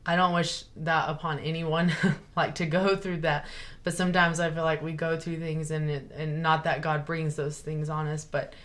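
A woman's voice: sits low, little pitch movement, moderate pace, hardly any pauses, fairly bright tone. A young woman, talking earnestly and rambling with many fillers and restarts in a casual chat. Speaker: guest sharing her story.

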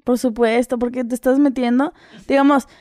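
A woman's voice: high voice, fairly even intonation, normal speed, mellow, no room sound, clean studio sound. A woman in casual podcast chat, frank and reflective, laughing often.

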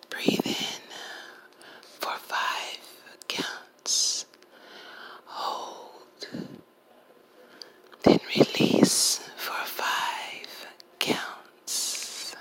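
Slow whispering woman guiding relaxation. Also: rough recording. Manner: slow, soft whisper counting breaths. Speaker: relaxation host. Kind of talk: whispered ASMR guided relaxation.

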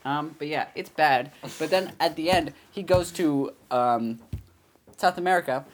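A man's voice: a little high, a little slow, a little hiss or hum. A man in casual chat among friends, recapping a story in a rambling way full of fillers.

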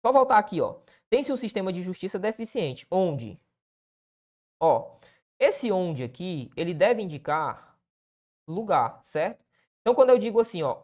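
Correcting a student's essay out loud, a writing teacher with a Brazilian Portuguese accent keeps checking that the listener is following and points to things on the page. His voice sits high.

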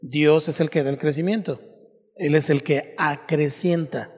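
A man preaching a teaching sermon with a somewhat high voice. He explains patiently and keeps asking his listeners rhetorical questions. The sound carries a long reverb, as in a church hall. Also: steady tone, unhurried, darkish tone. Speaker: pastor.

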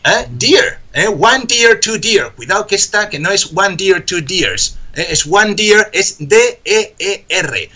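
A man's voice: sits high, sing-song, slow, few pauses, sharp tone. A man hosting a live radio show, joking playfully as he teaches English words.

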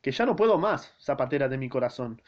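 A man's voice: mid-range voice, expressive, fairly quick, close to an everyday voice. A man voicing a disguised, lovesick shoemaker who asks hesitant questions, recorded on a dull lo-fi track. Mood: impassioned.

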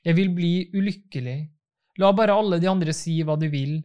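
A man's voice: a little high, a little mellow, clear, resonant tone, muffled recording, close to an everyday voice. A man reading the part of a troubled young groom full of self-doubt, in a despairing, pleading tone.

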